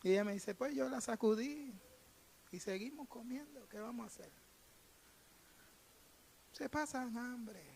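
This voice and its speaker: In a very high, slightly mellow voice with vocal fry, a Puerto Rican pastor from Puerto Rico preaches a little slowly and pauses often, his accent Puerto Rican Spanish. He tells stories in an emphatic, conversational way, repeating phrases and acting out dialogue. Recorded at a live service in a reverberant church sanctuary, the clip has a little hiss or hum.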